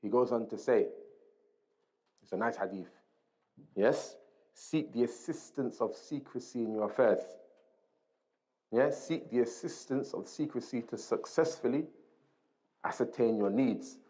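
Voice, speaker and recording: This informal Islamic lesson features a man with a medium-pitched, dark voice who speaks unhurriedly and pauses often, captured in a rough recording. As a religious teacher, he reads a book and explains it point by point in a conversational manner. He repeats key phrases and checks in with brief tag questions.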